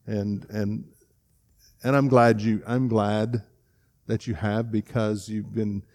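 A middle-aged man preaching in a church, earnest and emotional, often halting and restarting his sentences. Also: on the low side, level tone, darkish tone. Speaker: pastor. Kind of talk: sermon. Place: church sanctuary.

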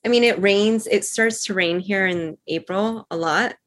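A woman's voice: medium pitch, a little slow, a bit bright. A woman from Cuba, a guest on a casual video call, chatty and agreeable.

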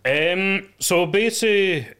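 A man's voice: high voice, slow, a bit bright, clean tone. A man with a broad west of Scotland accent, telling his stories casually as an interview guest in a sweary, emphatic, repetitive way. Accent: broad Scottish, west of Scotland. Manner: sweary, emphatic and repetitive, often tagging "you know". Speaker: podcast guest.

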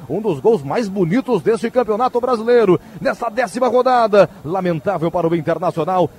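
A man with a Brazilian accent calling football on the radio as a play-by-play commentator, with explosive goal commentary and drawn-out, excited calls. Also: sits high, slightly rough.

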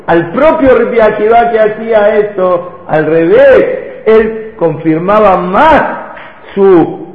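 Male teacher, high voice, storytelling lesson, thin phone-like sound. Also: expressive, takes it slowly. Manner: storytelling with rhetorical questions. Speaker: Torah teacher. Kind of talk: religious lesson to a live audience. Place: hall with an audience. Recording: echoey hall, phone-like lo-fi sound.

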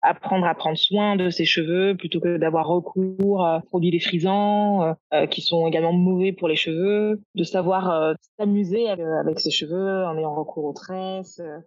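A woman's voice: fairly low pitch, fairly even intonation, moderate pace, hardly any pauses, no echo. Hesitant woman in her thirties, lo-fi. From France. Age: 30s. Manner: hesitant, many fillers. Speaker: guest, skincare founder. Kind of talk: podcast interview.

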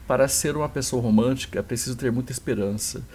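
A man with a Brazilian accent reading a priest's wedding speech aloud, slow and solemn. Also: mid-range voice, a little mellow, slight background noise, voice pushed down, close to an everyday voice. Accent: Brazilian Portuguese. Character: earnest male priest giving a wedding speech.

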